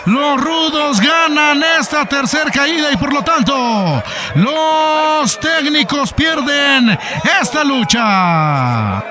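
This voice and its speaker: Wrestling commentator: Mexican man, very high-pitched, excitable shouted play-by-play over clear arena noise. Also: slow pace. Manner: shouting, excitable, playful, quoting wrestlers and crowd. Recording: loud arena noise behind voice.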